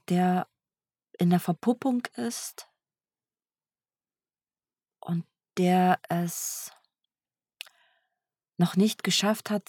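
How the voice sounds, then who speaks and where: A woman speaking softly in an introspective self-dialogue, searching for words and often sinking into a whisper. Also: lowish voice, no echo, studio quality. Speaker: energy healer.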